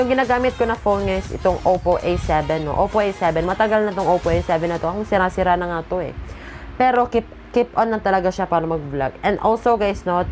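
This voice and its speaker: A young woman with a Filipino accent talks through a casual gadget review, fairly low-pitched for a woman, and keeps checking in with her viewers. Her phone and lapel mic pick up the chat, with faint music playing underneath. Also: a little mellow. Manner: chatty, keeps tagging "guys, no?". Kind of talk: casual product review vlog. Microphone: switches between a lapel mic and the phone's own mic.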